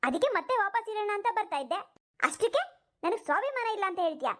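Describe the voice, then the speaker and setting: Woman voicing an elder daughter-in-law, high voice, quick retorting cartoon lines. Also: big pitch swings, a bit bright, full character voice. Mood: defensive. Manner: defensive, retorting. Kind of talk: cartoon voice acting.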